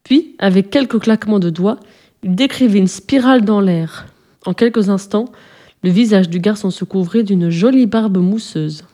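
A woman narrating a children's story in a calm, even storytelling manner. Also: mid-range voice, normal speed.

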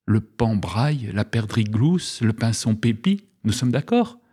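A man with a somewhat low voice delivers a comic radio chronicle. He talks in a pompous, mock-solemn tone, like a leader addressing the nation. His manner is playful and mock-learned. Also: sing-song, measured pace, mellow, slightly rough. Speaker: radio humor columnist.

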